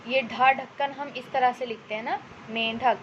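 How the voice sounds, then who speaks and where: A woman with a high voice teaches a worksheet lesson to children, explaining each answer step by step. She checks in often and slows right down to dictate example sentences. The recording is slightly dull, with a faint hiss behind her. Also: fairly even intonation. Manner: patient, explains step by step with many "ठीक है" checks.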